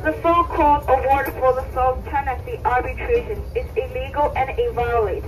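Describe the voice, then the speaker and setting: A woman reads a formal warning over a marine radio transmission. Her fairly high voice sounds far from the mic, with a clear hiss of static behind it. She delivers it in a stiff, set cadence. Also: fairly even intonation, moderate pace. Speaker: coast guard radio operator. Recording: distant noisy marine radio.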